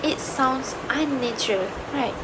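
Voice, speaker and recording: Young woman student presenter, high-ish, hesitant, noisy street backdrop. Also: measured pace. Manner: hesitant, many uh fillers and restarts. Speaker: student presenter, future English teacher. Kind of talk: class presentation. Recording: noisy background with passing vehicles.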